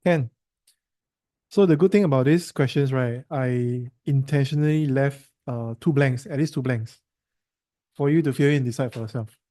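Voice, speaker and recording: Mellow-voiced Singaporean science tutor. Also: male voice, medium pitch, moderate pace. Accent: Singaporean English. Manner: quizzing a student, teasing and chatty. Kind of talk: online science lesson.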